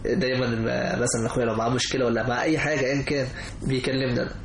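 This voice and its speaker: A man's voice: mid-range voice, steady tone, rapid-fire. A young man with an Egyptian Arabic accent chatting casually and emphatically, often repeating his phrases. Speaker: guest. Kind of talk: casual chat. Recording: roomy echo, faint background noise.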